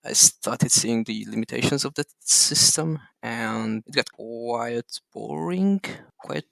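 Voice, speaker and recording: A man from Hungary speaks as a podcast guest, measured and matter-of-fact. His voice carries a gravelly fry at mid pitch. The sound is close and dry with no room echo. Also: fairly bright tone. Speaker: guest, tournament champion. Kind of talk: casual podcast chat.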